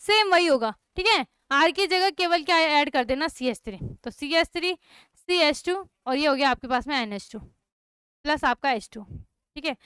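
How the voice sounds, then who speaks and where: Bright, high-voiced woman teaching chemistry. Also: lively intonation, moderate pace, no room sound, studio quality. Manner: repeats checks like "clear?" and "okay" to students. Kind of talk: online class lecture.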